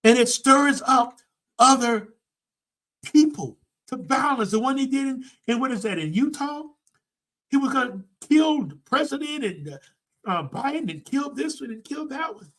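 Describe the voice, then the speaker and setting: A man preaching to his audience, repeating phrases for emphasis and swinging between loud declarations and quiet asides. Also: extremely high pitch, animated, moderate pace. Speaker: pastor and personal development teacher. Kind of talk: preaching-style talk to an audience.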